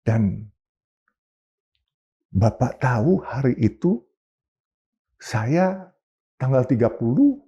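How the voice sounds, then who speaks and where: Male business guest, husky and gravelly, animated storyteller, dull lo-fi audio. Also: mid-range voice, slow pace, long pauses. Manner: animated, emphatic, mixes in English phrases. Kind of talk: interview storytelling.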